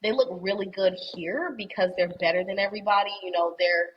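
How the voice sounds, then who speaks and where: A young woman chatting as a podcast guest, talkative and thinking out loud with repeated words. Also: mid-range voice, a little fast, lo-fi sound, a little hiss or hum. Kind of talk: casual chat.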